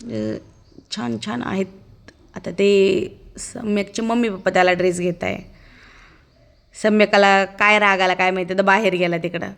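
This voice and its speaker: A woman's voice: medium pitch, steady tone, moderate pace, pauses often, fairly bright tone. A woman giving a chatty, amused running commentary as a casual vlog voice-over, narrating as the child's aunt.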